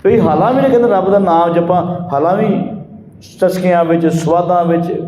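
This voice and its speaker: A man with a Punjabi accent, a Sikh preacher giving a sermon who slowly half-sings scripture verses and then explains them plainly. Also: high voice, dark tone, echoey room, a little hiss or hum, low-quality recording.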